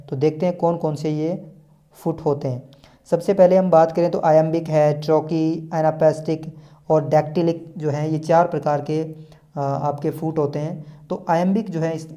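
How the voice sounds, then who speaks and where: A man who teaches English, explaining a lesson patiently, repeating himself and filling pauses often. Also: a little high, dark tone. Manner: patient, repetitive explaining with frequent fillers.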